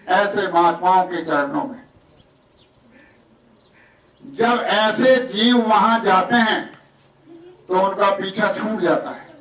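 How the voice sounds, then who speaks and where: High-voiced village preacher, distant and echoey. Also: male voice, fairly bright tone. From Rajasthan. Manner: folksy, acts out villagers' voices, humble. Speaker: satsang preacher. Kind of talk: village sermon and announcements. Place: outdoor village gathering. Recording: echoey, distant, outdoor noise.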